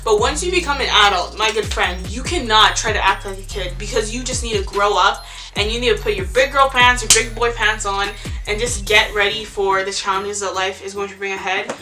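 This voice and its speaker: Over background music, a teenage girl of seventeen vlogs casually to camera in a slightly fast, sharp-toned, medium-pitched voice. Her talk is chatty and meandering, peppered with "like" and "ew."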